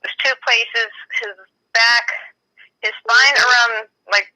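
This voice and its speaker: A woman's voice: on the high side, fairly even intonation, takes it slowly, sharp tone. Woman caller on a buzzing phone line. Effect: heard over a buzzing phone line held near the mic. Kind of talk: casual phone-in chat.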